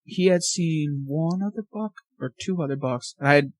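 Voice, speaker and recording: A man guesting on a podcast, excitedly telling a casual story full of fillers and slang. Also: on the high side, moderate pace, no echo, studio quality.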